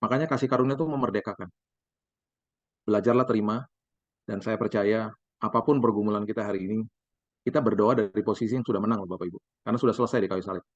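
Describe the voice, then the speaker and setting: A middle-aged male pastor, preaching a sermon emphatically and dropping to a soft, intimate tone for quoted words. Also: lowish voice, quick pace, pauses often, no echo. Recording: dry, slightly dull sound.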